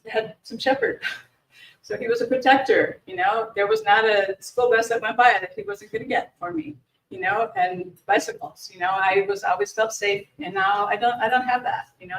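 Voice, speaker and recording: A woman's voice: mid-range voice, lively intonation, normal speed, a little hiss or hum. A woman leading a grief workshop for a live audience, speaking conversationally and often restarting or repeating words. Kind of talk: informal workshop presentation. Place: meeting room with a live audience. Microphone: distant room mic. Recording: echoey room, voice far from the mic.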